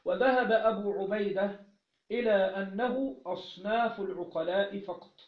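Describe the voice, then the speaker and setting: An Egyptian man with a high voice teaches a religious lesson on Islamic jurisprudence, explaining a text at normal speed. He asks questions and then answers them, repeating key phrases, in a roomy, dull lo-fi recording.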